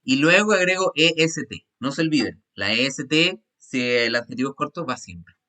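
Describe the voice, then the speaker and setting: Bright-voiced male teacher. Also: medium pitch, expressive, normal speed. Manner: patient, repeats rules step by step. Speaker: English teacher. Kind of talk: online class explanation.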